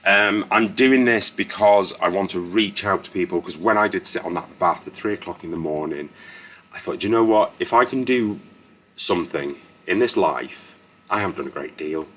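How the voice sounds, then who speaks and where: Deep-voiced earnest man in his fifties. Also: a bit bright. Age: 50s. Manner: frank, earnest, halting with restarts and swearing. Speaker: vlogger. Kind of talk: candid personal story to camera.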